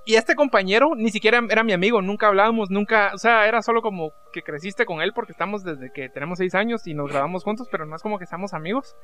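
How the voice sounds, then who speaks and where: A man's voice: high voice, fast, few pauses, bright, forceful tone, faint music behind. Chatty man telling stories. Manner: chatty, stammering restarts, laughs easily. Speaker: podcast co-host. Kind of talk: casual comedic chat and storytelling.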